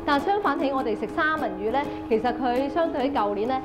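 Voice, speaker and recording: A woman in her thirties with a Hong Kong Cantonese accent, explaining in a lively, animated way while she works for a seafood supplier. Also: sits high, quick pace, over loud music. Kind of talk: interview. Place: seafood warehouse.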